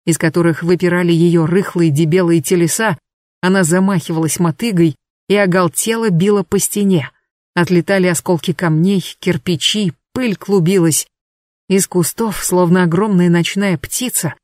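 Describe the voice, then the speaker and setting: A woman narrating an audiobook in a measured, expressive reading. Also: lowish voice, no room sound, studio quality. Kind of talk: scripted narration.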